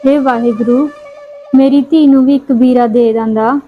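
Woman playing a soothing, high-voiced young mother. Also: steady tone, normal speed. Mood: wistful. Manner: soothing, coaxing, repeats endearments. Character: caring young mother consoling her daughter. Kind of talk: amateur short-film acting. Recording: dull lo-fi sound, faint music.

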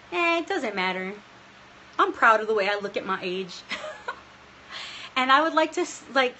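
A woman in her late thirties talks to fans on a phone livestream from a small room, earnest and openly emotional. Her voice is bright and slightly high. A faint noise sits under the close phone mic. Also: rough recording. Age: 30s. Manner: emotional and earnest, laughing often, near tears. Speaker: livestream host answering fans. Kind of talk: casual livestream Q&A. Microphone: phone held close, front-facing.

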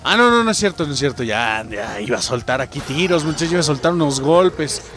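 A young Mexican man narrates his own gameplay, and his fairly high voice swings all over the place as he yelps and curses at each mistake. Game music plays faintly behind him. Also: fairly quick. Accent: Mexican Spanish. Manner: excitable, swears and yelps at mistakes, talks to viewers. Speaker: gameplay streamer. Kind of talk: casual let's-play commentary.

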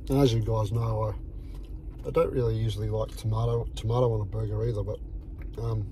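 A lowish man speaks with his mouth full, chewing through his words in a relaxed, halting way. He stumbles and repeats himself as he eats. Clear traffic and vehicle noise runs behind him. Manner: chatty, hesitant, repeats words while chewing. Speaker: food reviewer. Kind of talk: casual food review vlog.

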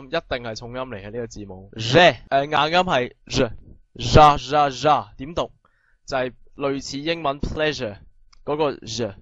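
Guy teaching pronunciation, quick explaining then slow loud drills, dull dry lo-fi sound. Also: mid-range voice, no echo. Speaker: language teacher. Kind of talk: pronunciation lesson.

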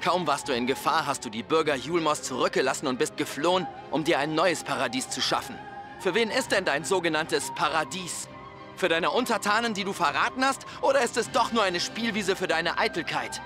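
An actor playing a resolute fantasy warrior in a video game, speaking in a stern, accusatory and commanding way. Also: male voice, a little high, lively intonation, a little fast, music in the background, natural voice. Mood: stern, accusing. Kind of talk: dramatic video game acting.

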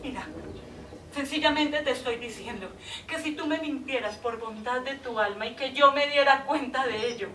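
Brief: actress playing a desperate jilted woman on a phone call, high voice, stage echo heard from afar. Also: normal speed, bright, forceful tone. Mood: pleading. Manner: emotional, swings between tender pleading and desperate outbursts. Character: heartbroken woman pleading with her departing lover by phone. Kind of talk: stage monologue acting. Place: theater stage. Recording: echoey stage from far off, audible noise.

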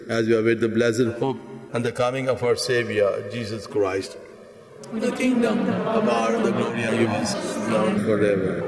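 A man, a priest celebrating Mass, recites liturgical prayers in a measured, solemn way, and his voice carries a cathedral echo. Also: medium pitch. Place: large church. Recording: long reverb of a large church.

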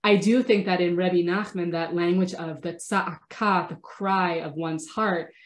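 Sniffly and stuffed up from a cold, a rabbi in her thirties runs an online class from her home study via laptop webcam, fielding chat questions in a relaxed lecture. Her lowish voice keeps a fairly even intonation and a measured pace. She is thoughtful and warm toward participants but often stops and restarts her sentences, and the room sound is noticeable.

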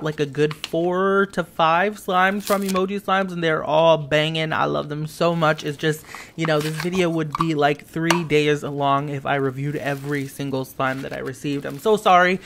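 Over tabletop footage, a man gushes in a casual voice-over while showing off and reviewing slimes, sounding upbeat and enthusiastic. His voice sits on the high side, a bit bright, with a faint hiss or hum.

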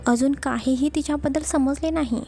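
Storybook: woman as an earnest young policeman, calm and apologetic, husky-low. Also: normal speed. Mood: reassuring. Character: earnest young male police friend, reassuring.

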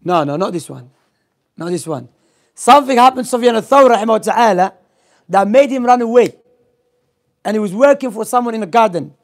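His voice sits high and is expressive, a little fast, with frequent pauses. He's a young religious teacher giving a casual Islamic lesson of stories and quiz questions in non-native English with Arabic terms mixed in. The setting is a small indoor library room, and a gooseneck mic is close to his mouth.

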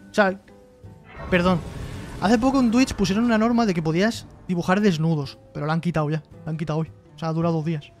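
Man, high voice, live-stream host, jokey reading chat aloud, light music in the background. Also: fast. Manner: joking, reads chat messages aloud and replies.

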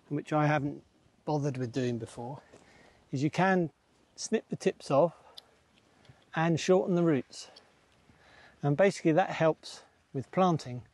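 A middle-aged man with a fairly high, darkish voice chats casually on his allotment, laughing to himself as he digs and plants outdoors. He's a gardening vlogger using a camera mic that's occasionally far from the camera.

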